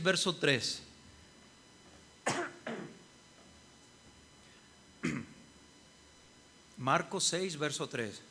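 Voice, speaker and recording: A man preaches to his congregation in a fairly high voice. He often asks them "¿sí?" and slips into the voices of the people he quotes. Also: fairly bright tone, breathy edge. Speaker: pastor. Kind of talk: sermon.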